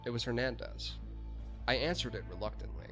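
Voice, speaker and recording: A man's voice: mid-range voice, animated, fairly quick, a bit bright, faint music behind. Man narrating a first-person story. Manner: laughs and swears freely in chat. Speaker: podcast host and narrator.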